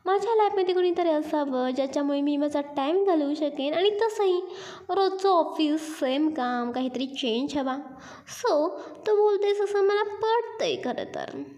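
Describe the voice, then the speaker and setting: A woman voicing a shy young female office worker who speaks bashfully and softly. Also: high-pitched, animated, measured pace, voice pushed up. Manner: bashful, hushed, telling a story.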